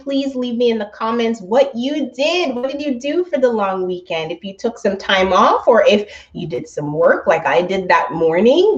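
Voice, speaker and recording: A woman in her thirties with a fairly high voice hosts a travel company's weekly live stream from her home, chatting upbeat with viewers and laughing often. She sounds a bit stuffy from allergies. The audio is lo-fi, picked up by her laptop microphone.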